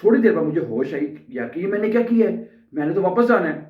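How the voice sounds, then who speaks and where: A man's voice: sits high, sing-song. A man from Pakistan, earnestly telling his own story to viewers in a casual vlog and checking in with them often. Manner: earnest, addresses viewers directly, keeps adding "okay" checks. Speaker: language vlogger. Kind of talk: casual personal storytelling to camera. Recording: roomy, distant, dull mic sound.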